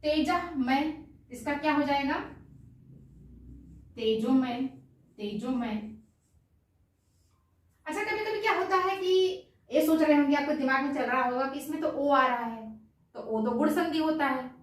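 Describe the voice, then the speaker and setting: A woman's voice: sits high, normal speed. A woman teaching an exam-prep grammar lesson who asks each question and answers it herself, repeating the answer. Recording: very echoey room, distant mic.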